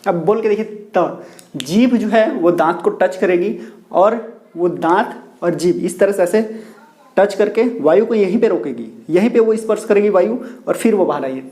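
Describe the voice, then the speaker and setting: A man's voice: high-pitched, moderate pace, a little mellow. A male teacher giving a classroom lesson on pronunciation, asking questions and answering them himself, repeating the key words. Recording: roomy echo.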